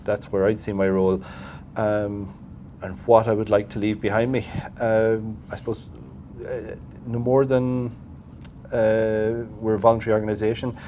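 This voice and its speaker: Male, West of Ireland accent, lowish pitch. Conversational society officer, thinks aloud haltingly, faint noise behind. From Galway, Ireland. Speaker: president of a voluntary radio society. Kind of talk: casual interview chat. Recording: steady background noise with low rumble.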